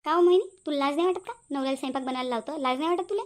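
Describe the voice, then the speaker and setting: A woman's voice: sits high, racing, natural voice. A woman voicing a quarrelsome middle-aged mother-in-law in a cartoon, nagging and accusing. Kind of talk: cartoon voice acting.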